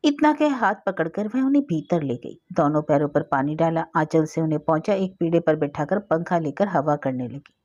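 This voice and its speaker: A woman's voice: deep voice, lively intonation, moderate pace, few pauses, a little mellow, lo-fi sound. A woman telling a classic story as narrator, reading expressively.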